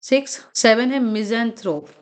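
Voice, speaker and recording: A woman teaching vocabulary to exam students, explaining words in Hindi, reading the lines slowly and checking in with short tag questions. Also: fairly high pitch. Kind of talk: recorded exam-prep lecture.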